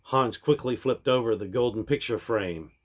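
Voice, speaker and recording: At normal speed and medium pitch, a man reads aloud from a rhyming parody Christmas storybook. His theatrical, emphatic reading swells and then drops off as each line ends.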